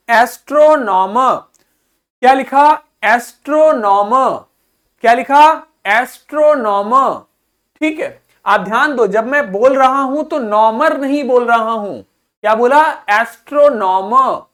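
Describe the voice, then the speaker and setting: This is a male teacher running a pronunciation drill in class, speaking slowly and deliberately. He says each word several times over and keeps asking the students to repeat it, with patient quizzing questions. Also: very high-pitched, fairly bright tone. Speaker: English vocabulary teacher.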